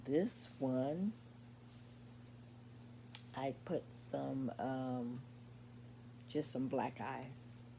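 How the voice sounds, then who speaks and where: A woman in her sixties showing her crochet work in a casual vlog at home late at night, sleepy and meandering, with many pauses and ums. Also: a bass voice, creaky, mellow, slight background noise. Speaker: crochet vlogger. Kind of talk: casual show-and-tell vlog.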